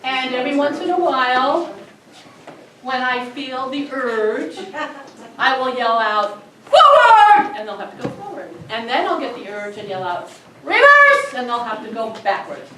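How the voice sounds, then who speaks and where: Woman emcee, high lively voice, live comedy show, roomy distant recording with audience noise. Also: moderate pace. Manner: animated, explaining game rules to the audience.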